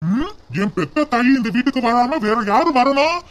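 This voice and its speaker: A man's voice: very high-pitched, animated, moderate pace. Man voicing a torn cartoon village husband. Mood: pleading. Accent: southern Tamil (Tirunelveli). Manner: pleading and scolding by turns. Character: village husband, caught between mother and wife.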